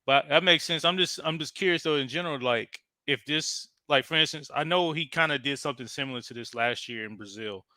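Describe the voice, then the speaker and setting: A man co-hosting a casual car talk show, animated and joking, trailing off at times. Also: a little high, fairly quick, few pauses, no echo. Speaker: podcast co-host.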